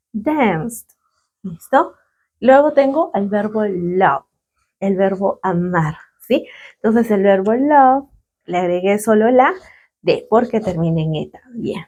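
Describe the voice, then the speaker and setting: A woman's voice: medium pitch, a little mellow, breathy edge. Patient Latin American woman teaching English. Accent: Latin American Spanish. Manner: patient, checks in often with short questions. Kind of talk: classroom explanation.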